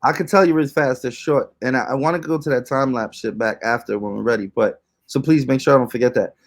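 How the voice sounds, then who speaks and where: A young podcast co-host with a medium-pitched voice talks fast as he tells ghost stories. His chat is casual, slangy, and rambling, with lots of fillers.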